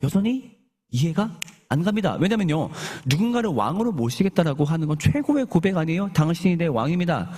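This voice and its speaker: Male pastor, sermon, conversational storytelling, asks the congregation questions, husky voice, lively pitch. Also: fairly quick. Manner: questions the congregation and leads group Bible reading.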